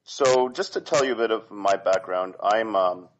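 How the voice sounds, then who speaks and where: Low-voiced guy from canada calling in, polite, lots of ums, dull lo-fi phone sound. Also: a little hiss or hum. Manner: polite and halting, with many fillers and restarts. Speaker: caller. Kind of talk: phone-in question.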